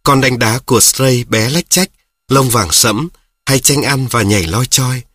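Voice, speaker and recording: A man reads a children's story aloud in a steady voice, now and then turning to address his listeners. His voice is husky and of middle pitch. The recording is dry and close. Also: measured pace, no room sound. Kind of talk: scripted narration of a children's story.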